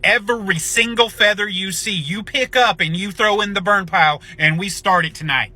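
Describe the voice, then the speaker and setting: A man's voice: high voice, normal speed, bright, forceful tone, voice pushed up. A man doing a flustered, bossy dad. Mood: panicked. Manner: nervous, bossy, profane. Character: flustered, paranoid country dad, middle-aged.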